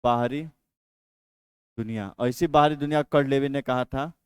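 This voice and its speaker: A man's voice: medium pitch, fairly even intonation, normal speed, a little mellow, clear, resonant tone, no room sound. A man teaching an exam practice lesson, repeating each question and then answering it himself.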